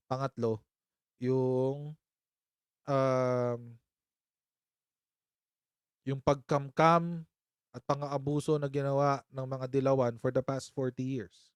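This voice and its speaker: A man's voice: mid-range voice, smooth, no room sound, studio quality. A man hosting a casual political commentary live stream, chatty and sarcastic, often breaking into laughter and mocking his critics. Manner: sarcastic, mock-impersonates critics.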